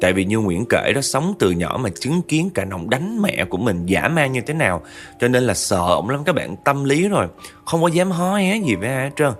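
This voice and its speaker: A man telling a horror story in a dramatic way, speaking straight to his listeners. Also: mid-range voice. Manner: dramatic, addresses listeners directly.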